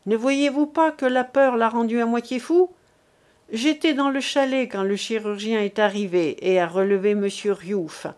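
A woman's voice: a little high, normal speed, a little mellow, natural voice. Woman reading earnest man from the crowd, persuasive, plain, storybook. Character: reasoning male bystander.

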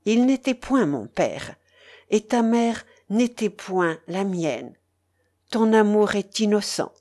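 A woman's voice: medium pitch, sing-song, takes it slowly, darkish tone. A woman playing a troubled young priest. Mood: urgent.

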